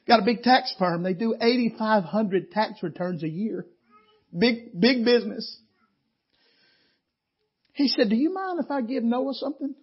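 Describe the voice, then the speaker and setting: Preacher guy, real high husky voice, folksy storytelling, kinda dull lo-fi church recording. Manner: folksy, animated storytelling with laughs. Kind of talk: storytelling sermon. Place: church meeting.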